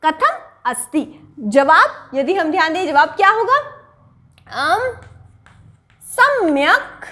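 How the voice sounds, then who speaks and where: Woman teacher, slow deliberate delivery, walks students through examples with frequent check-ins. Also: high voice, fairly bright tone. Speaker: Sanskrit teacher. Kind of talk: online language lesson.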